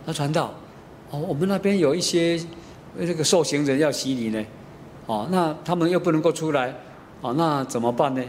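A man's voice: mid-range voice, a little mellow, slight background noise. A middle-aged man with a Taiwanese Mandarin accent preaching a sermon. He tells stories with many fillers and slips into Taiwanese.

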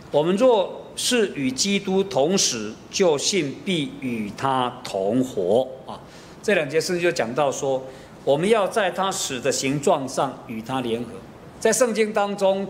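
A middle-aged man with a Taiwanese Mandarin accent preaches a sermon in a fairly high voice, telling stories full of fillers and slipping into Taiwanese. A little hiss or hum is audible.

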